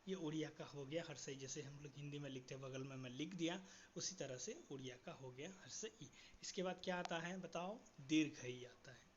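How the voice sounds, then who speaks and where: Man teaching letters, dull lo-fi sound. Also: a little high. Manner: asks quiz questions, slows down to spell out letters. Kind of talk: classroom-style writing lesson. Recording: dull lo-fi audio with faint background hiss.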